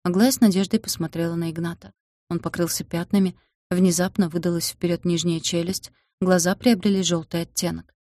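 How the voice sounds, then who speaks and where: A woman narrating a story in a steady audiobook reading. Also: on the low side, brisk, no room sound, studio quality.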